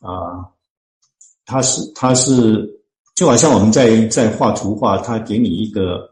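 Earnest deacon with a low voice. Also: male voice, darkish tone, roomy sound, low-quality recording. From Chinese-speaking, living in Canada. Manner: earnest, with many drawn-out fillers and restarts. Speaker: church deacon and author. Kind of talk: interview, explaining scripture.

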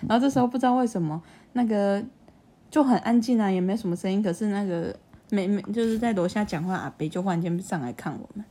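A woman's voice: medium pitch, quick pace, mellow. Young woman, chatty podcast talk, keeps restarting sentences. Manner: chatty, restarts a lot, acts out childish voices in quotes. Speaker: podcast co-host telling childhood stories. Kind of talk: casual chat. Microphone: desk USB condenser mic.

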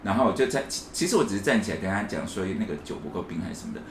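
A man's voice: lowish voice, lively intonation, rapid-fire. A man, co-hosting a casual podcast chat and telling a story while acting out the quoted lines. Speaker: podcast co-host. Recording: echoey room, faint hiss.

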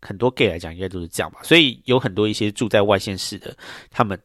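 A man's voice: on the low side, quick pace, a bit bright, dry recording, studio quality. A man hosting a podcast, telling a story in a casual, rambling way with many fillers. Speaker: podcast host.

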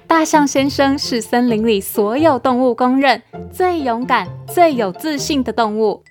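A woman host reading a picture book aloud to children, in a gentle, coaxing manner. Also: high voice, a little slow, soft background music. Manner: gentle, coaxing, addressing kids.

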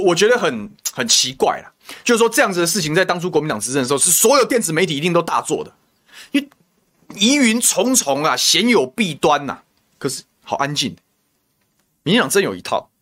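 His voice runs on the high side and sounds a bit bright. Hosting a political talk show in a Taiwanese Mandarin accent, he rants indignantly, firing off rhetorical questions and insults.

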